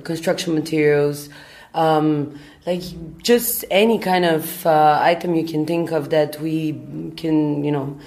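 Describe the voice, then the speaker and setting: A woman from Bulgaria, in her thirties, a startup founder answering interview questions in a thoughtful way, often pausing with ums and uhs. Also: sits low, a little mellow.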